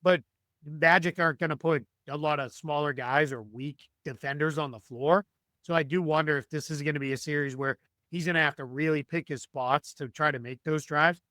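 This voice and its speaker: A man's voice: on the high side, steady tone, brisk, sharp tone, dry recording. A man losing his voice, talking through basketball analysis as a podcast guest, thinking aloud with many restarts and ums.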